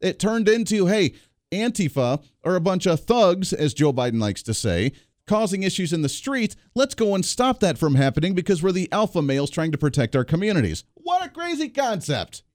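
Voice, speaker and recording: A man from the Kansas area of the United States hosts a political talk radio show, with a high, sing-song, slightly mellow voice captured in clean studio sound with no echo. Between played clips he offers opinionated, sarcastic commentary full of rapid asides.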